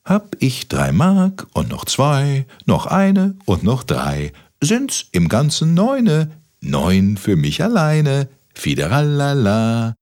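A man putting on a cheeky little puppet boy with a raised, bouncy voice, counting and scheming in a playful sing-song. the pitch lifts well above his own and jumps around lightly, storybook style. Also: huge pitch swings, measured pace, breathy edge, exaggerated voice.

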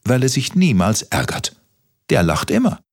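A man's voice: medium pitch, huge pitch swings, moderate pace, voice pushed up. Cheeky little kasper kid, man doing the voice, sing-songy and sly. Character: cheeky scheming little boy puppet.

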